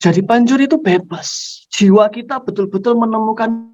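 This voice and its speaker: A man's voice: sits high, normal speed, darkish tone, soft background music, pitched above the performer's own voice. A preacher doing a coaxing thief father. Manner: coaxing, persuasive. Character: scheming father, master thief, persuasive. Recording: dull lo-fi recording.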